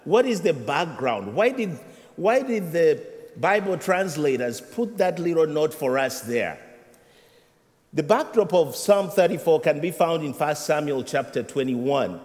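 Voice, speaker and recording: A middle-aged Ugandan-accented man preaches to his congregation, humorous and conversational. His voice sits a little high. The sound carries a long hall reverb from the church. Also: a little mellow. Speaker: associate rector. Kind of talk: sermon. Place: church sanctuary.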